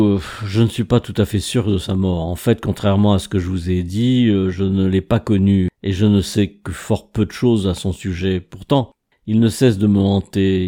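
A man's voice: low-pitched, dark tone, natural voice. A man voicing a frail, haunted old composer who hesitates and breaks off with fillers, in a read-aloud story.

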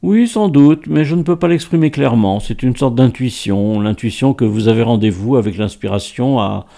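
A man reading a storybook aloud and voicing a strange, enigmatic stranger who speaks in a hushed, confiding, insistent way, with a paternal tone. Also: mid-range voice, moderate pace, creaky, close to an everyday voice.

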